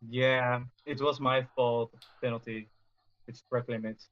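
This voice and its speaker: A man giving halting, plain answers as a sim racer in a casual post-race interview, heard over dull voice chat. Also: mid-range voice, little pitch movement. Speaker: sim racing driver being interviewed.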